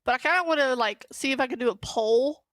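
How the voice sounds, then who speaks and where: A woman's voice: sits high, quick pace, a bit bright, no room sound. A young adult woman streaming a game, chatting casually and in a giggly, scattered way with her viewers. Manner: giggly and scattered, talking to chat. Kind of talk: casual live-stream chat.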